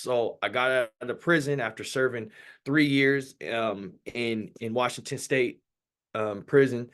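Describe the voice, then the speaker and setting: Workshop speaker, man in his thirties, mid-pitched, candid, loose storytelling. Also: a bit bright. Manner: candid, loose storytelling with many fillers and restarts. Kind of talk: personal story in a workshop talk.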